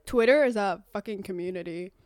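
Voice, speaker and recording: A woman's voice: medium pitch, a little fast, crowd noise. A woman from Finland chatting casually as a podcast co-host, swearing often and breaking into giggles. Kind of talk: casual chat.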